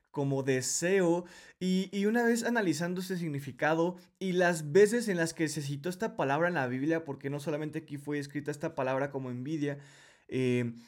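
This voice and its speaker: A man who hosts a podcast and teaches the Bible leads a casual study, speaking straight to the listener and walking through each point step by step. His voice is conversational, a little high for a man, with a darkish tone.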